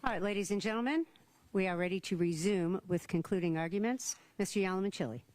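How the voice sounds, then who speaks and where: A woman's voice: medium pitch, quick pace, a little mellow. A woman judge formally addressing a courtroom as she presides over proceedings.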